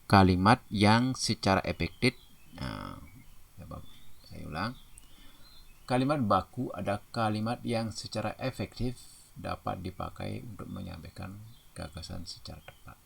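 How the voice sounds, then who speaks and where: A man giving a grammar lesson, reading out word pairs slowly and restating each point. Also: sits low, vocal fry, a bit bright, breathy edge. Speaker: teacher. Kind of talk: classroom-style grammar lesson.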